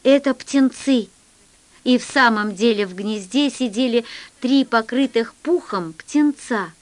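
A woman reading a children's science fiction story aloud as scripted narration, in an expressive storytelling manner. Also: a little high, measured pace. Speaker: audiobook reader.

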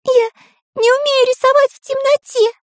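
A woman's voice: lively intonation, normal speed, no echo. A small, earnest magic pencil boy from a children's storybook, put on by a woman reader. The voice sits far above her own and jumps around eagerly. It is recorded close and dry. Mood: tearful. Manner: high, bright and pleading. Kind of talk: children's audiobook voice acting.

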